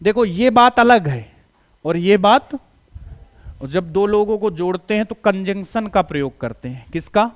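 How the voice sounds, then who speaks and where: A man's voice: sits high, animated, moderate pace. A man with a Hindi accent teaching English grammar to students. He keeps asking quiz questions and answering them himself, in a coaxing, reassuring tone. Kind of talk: classroom grammar lesson.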